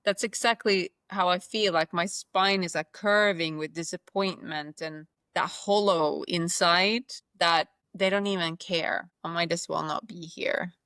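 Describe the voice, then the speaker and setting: A woman in her forties, born in Spain, co-hosting a podcast and telling personal stories in a candid, animated way. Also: on the low side, unhurried, hardly any pauses, smooth, no room sound, studio quality. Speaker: podcast co-host. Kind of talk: casual chat.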